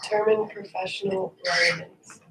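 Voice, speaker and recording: A woman's voice: mid-range voice, steady tone, moderate pace, heavy background noise. A young woman, a student, talking casually in a group discussion, with lots of fillers and mocking asides. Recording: echoey room, recorded from a distance.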